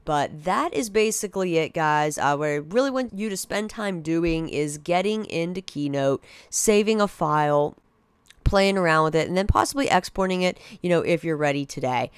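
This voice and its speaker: Clear-voiced woman teaching a class. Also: lowish voice, animated, moderate pace, no room sound. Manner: casual, direct classroom instruction. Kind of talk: screen-recorded software tutorial.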